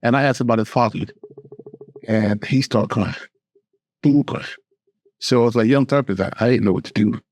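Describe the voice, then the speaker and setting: A male host and therapist tells a story in an earnest, conversational way. His voice sits at a middle pitch, and he often restarts his sentences. The studio sound is dry. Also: normal speed, pauses often, darkish tone, dry recording. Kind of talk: conversational talk show. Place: podcast studio.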